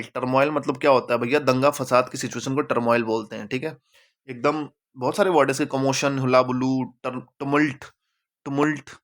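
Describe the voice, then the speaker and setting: A man's voice: medium pitch, a bit bright. Chatty male vocabulary teacher. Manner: chatty, mixes English terms into Hindi, repeats words for emphasis. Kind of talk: casual classroom explanation.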